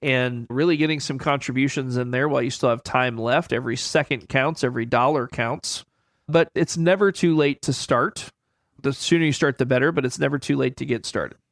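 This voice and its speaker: A man's voice: medium pitch, brisk, dry recording, clean studio sound. A man giving financial advice on a radio show, plain-spoken and folksy, repeating his key points. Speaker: financial advisor guest. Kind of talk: conversational expert explanation.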